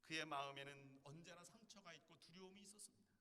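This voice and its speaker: A male pastor delivers a sermon in a forceful, bright voice pitched a little higher than most men. He preaches earnestly and leans on rhetorical questions. His words ring out with a long reverb in a church sanctuary. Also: fast. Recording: echoey hall with long reverb.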